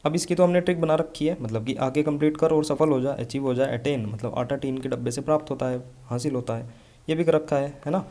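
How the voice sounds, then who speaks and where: Young guy teaching vocab, warm low-key tone, reads english definitions slow. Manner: mixes Hindi with slow, carefully read English definitions. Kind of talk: online lesson with memory tricks.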